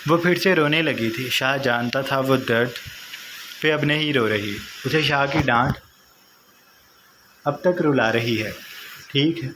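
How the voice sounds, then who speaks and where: A man reading a romance novel aloud in steady scripted narration. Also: mid-range voice, measured pace, long pauses. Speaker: novel reader. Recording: noisy home recording.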